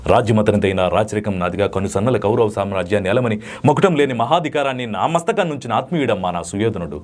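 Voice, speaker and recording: A man's voice: on the low side, animated, quick pace, lightly acted. A man voicing a proud warrior prince who reproaches his mother in solemn, theatrical mythological dialogue. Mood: grieving reproachful. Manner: solemn, reproachful dramatic recitation.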